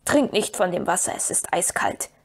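A woman reading an audiobook, voicing a gruff, grieving male dwarf warrior in a lowered, slower voice. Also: very animated, heavily acted. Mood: solemn.

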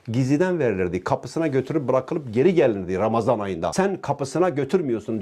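A man's voice: medium pitch, dark tone. A man who runs his own channel, talking indignantly and combatively as he reacts to a clip and speaks straight to the official. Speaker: political YouTuber. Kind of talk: reaction commentary.

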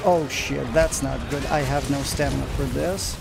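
Over music, a gamer with a gravelly, mid-range voice narrates his own play live at a normal speed. He swears freely, breaks into excitable outbursts, and talks directly to the monster he's fighting.

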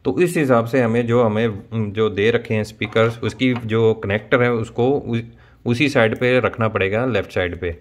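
He has a medium-pitched voice and talks at a normal speed. The speaker, a motovlogger from India in his thirties, addresses his viewers in a casual tutorial, breaking down a product installation one step at a time from a small room at home.

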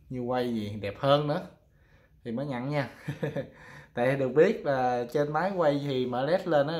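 A man's voice: mid-range voice, darkish tone. A man with a Southern Vietnamese accent casually showing goods for sale, talking informally to viewers as friends. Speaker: fishing rod seller presenting products. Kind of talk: casual product showcase.

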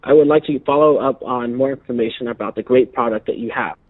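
A man's voice: medium pitch, fast talker. A man leaving a polite voicemail as a customer, played back from a phone line. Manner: plain, polite customer message. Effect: voicemail played back over a phone line. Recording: tinny, husky phone-line voicemail playback.

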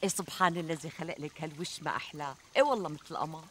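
Casting: chatty, coaxing Syrian best friend, TV comedy, quick emphatic delivery, faint outdoor noise. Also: female voice, low-pitched, fairly bright tone. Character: flattering, reassuring, chatty woman friend. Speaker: actress in a TV comedy drama. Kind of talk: conversational TV comedy sketch acting. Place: outdoors in a garden. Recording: outdoor ambience, trickling water noise.

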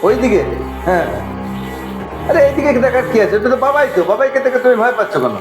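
A panicky husband in a comic horror skit, played by a man, with a very high, strained voice. He keeps crying out, and the room around him sounds echoey. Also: very animated, fairly quick, over music. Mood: puzzled. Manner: exclaiming, panicky. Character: startled husband and father.

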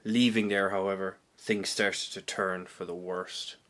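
Low flat-voiced man vlogging outdoors. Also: a little slow, heavy background noise. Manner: rambling, many fillers and restarts, candid. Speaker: hiker vlogger. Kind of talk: casual walking vlog to camera. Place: outdoors on a rural trail. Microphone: handheld camera at arm's length.

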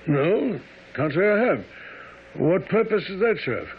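A man playing a loyal, earnest gentleman doctor, a detective's companion, in a radio mystery. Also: sits high, sing-song, a little slow, slightly rough, heavily acted. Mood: puzzled. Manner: hesitant, earnest. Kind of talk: 1970s radio mystery acting and narration. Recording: dull radio broadcast sound.

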